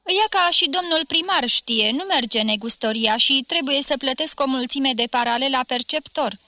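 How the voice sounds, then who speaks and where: Woman voicing a frightened fretful innkeeper, whimpering and wailing, high pitched, bright, dry close sound. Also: dry recording. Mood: panicked.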